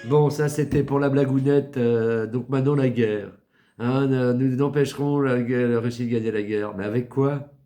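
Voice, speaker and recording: A man's voice: mid-range voice, fairly even intonation, moderate pace, dark tone, soft background music. A man from France giving a casual satirical monologue, mocking, rambling and crude, with lots of filler words. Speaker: satirical commentator.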